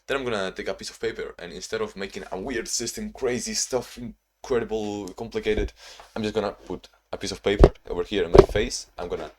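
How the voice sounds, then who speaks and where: A young vlogger from Spain and Ukraine, whose first language is Spanish or Ukrainian rather than English, talks casually to his own camera, rambling and self-reflective with many restarts, tired from lack of sleep. His lowish, darkish voice holds a steady tone at a fairly quick pace with hardly any pauses.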